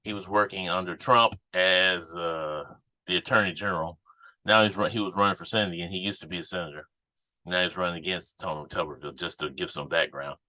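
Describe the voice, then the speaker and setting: A man's voice: low-pitched, fairly even intonation, brisk, bright, forceful tone, no echo. A man giving off-the-cuff political commentary as a podcast host, indignant and emphatic, often repeating phrases for emphasis.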